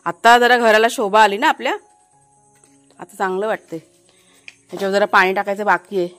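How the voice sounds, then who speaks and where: A woman's voice: mid-range voice, fairly quick, fairly bright tone, no echo, faint music behind. Chatty woman vlogging outdoors. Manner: chatty, addresses viewers directly, many fillers. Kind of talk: casual village vlog narration. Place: outdoors in a village garden.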